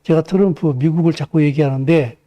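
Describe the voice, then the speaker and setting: Male preacher, high mellow voice, delivers a heated, emphatic sermon in church. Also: a little fast. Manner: impassioned, emphatic, rising to fervent peaks. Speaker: pastor.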